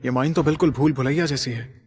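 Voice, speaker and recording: A man's voice: mid-range voice, quick pace, slight background noise, pitched above the performer's own voice, lightly acted. A man voicing a cautious young male hero in an audio drama, calling out urgent warnings. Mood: tense.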